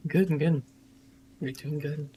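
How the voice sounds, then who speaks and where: A man's voice: fairly high pitch, steady tone, mellow, a little hiss or hum. A man playing in an online tabletop game, chatting casually with frequent giggles over voice chat. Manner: giggly, unhurried. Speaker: player.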